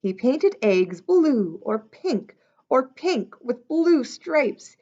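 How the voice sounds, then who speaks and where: A woman whose voice sits high reads a picture book to young listeners, expressive and unhurried, pausing for simple explanations in casual asides. The audio sounds dull.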